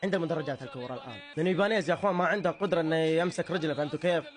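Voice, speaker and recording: A young man with a Saudi accent doing comedic live reaction commentary on a football match, excitable, shouting and laughing with mock outrage. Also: fairly high pitch, racing. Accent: Saudi Arabic.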